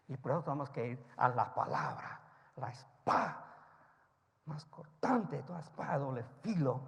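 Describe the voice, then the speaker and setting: A male pastor preaching a sermon, firing rhetorical questions at the congregation and swinging between loud, emphatic rises and soft, low asides. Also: gravelly. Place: church sanctuary. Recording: long church-hall reverb.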